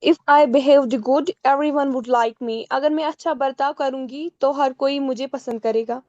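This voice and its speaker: A woman's voice: high-pitched, steady tone, takes it slowly, darkish tone, no echo, lo-fi sound. A female student reading her practice sentence and its translation aloud in class.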